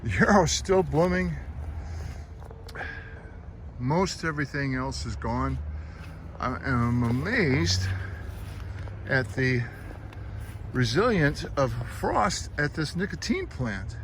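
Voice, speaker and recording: A man's voice: mid-range voice, lively intonation, takes it slowly, long pauses, a bit bright. An American man giving a casual, plainspoken garden vlog, explaining things informally as he goes. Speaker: garden vlogger. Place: outdoors in a home garden. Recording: noisy outdoor recording with traffic. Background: traffic and outdoor ambience.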